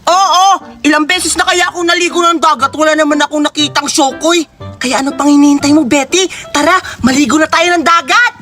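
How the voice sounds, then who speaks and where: A woman voicing Tope, a mischievous, boastful young boy in a cartoon, with a high, bouncy voice over loud music. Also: steady tone, a little fast. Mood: playful. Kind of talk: animated cartoon dialogue.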